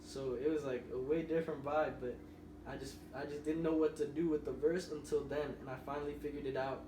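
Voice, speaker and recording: Here a young musician guesting on a podcast rambles through loose stories in an easygoing conversation. He speaks fairly quickly in a slightly high, flat voice. Noise and room echo come through from the far-off microphone.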